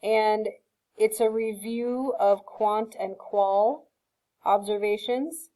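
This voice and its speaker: A woman's voice: mid-range voice, fairly even intonation, takes it slowly, mellow, rough recording. A woman teacher giving a recorded screen-share science lesson, explaining patiently with frequent ums and checks of "okay?".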